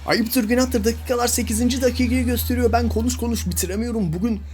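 A man's voice: very high voice, steady tone, fast, a little mellow, soft background music. A young man giving casual commentary while playing a mobile game, ranting in exasperation at his teammates.

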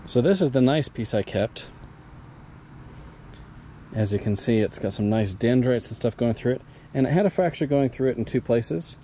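This rockhounding vlogger is a man with a warm, medium-pitched voice who talks at a moderate pace and pauses often. Outdoors at a mine site and a backyard, he eagerly handles fossils and cut rocks for his viewers in casual show-and-tell. His action camera mic adds a little hiss or hum.

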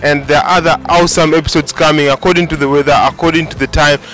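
A man's voice: fairly high pitch, fairly even intonation, fast talker, fairly bright tone. Upbeat male street interviewer. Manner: enthusiastic, repetitive phrasing. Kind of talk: vlog host talking to camera. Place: outdoors on a city street. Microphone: handheld mic.

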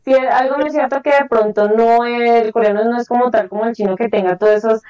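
A woman's voice: fairly high pitch, fairly even intonation, fairly quick, darkish tone, recorded from a distance, lo-fi sound, faint music behind. A woman guest in a casual panel chat, talking in a rambling, chatty way with many fillers and restarts.

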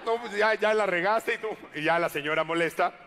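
Mexican guy doing stand-up, highish voice, cursing a lot, noisy live room. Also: fairly quick. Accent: Mexican Spanish. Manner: crude slang, acts out quoted voices. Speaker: stand-up comedian. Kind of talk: stand-up comedy routine.

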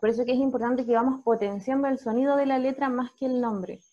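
A woman's voice: sits high, steady tone, fast, warm tone. Patient Chilean teacher woman, muffled. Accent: Chilean Spanish. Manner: patient, checks in with frequent "¿ya?". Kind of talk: explaining phonics to parents.

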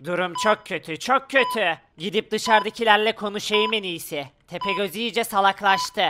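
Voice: medium pitch, normal speed, over music, lightly acted. A performer playing a matter-of-fact doctor in an amateur cartoon parody, explaining things colloquially.

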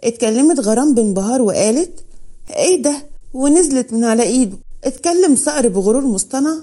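Egyptian woman storyteller, warm mellow voice, higher register. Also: fast talker. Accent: Egyptian Arabic. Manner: steady, expressive storytelling. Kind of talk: scripted story narration.

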